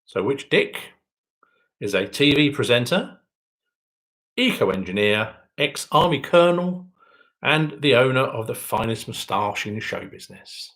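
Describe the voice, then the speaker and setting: A man's voice: medium pitch, big pitch swings, unhurried, a bit bright, poor audio. A man hosting a quiz, reading each question twice and adding dry joking asides. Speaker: quiz host.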